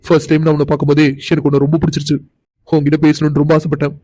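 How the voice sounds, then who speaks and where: A man's voice: fairly high pitch, monotone, rapid-fire, warm tone, no echo, close to an everyday voice, low-quality recording. A man voicing an insistent, doting young man in a cartoon, coaxing and pressing for answers. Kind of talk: cartoon voice acting.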